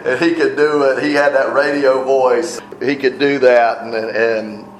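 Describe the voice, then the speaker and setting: Male preacher, mid-pitched voice, casual sermon delivery in a reverberant room. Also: fairly even intonation, unhurried, slight background noise. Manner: conversational, rhetorical questions, frequent "right?". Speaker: pastor.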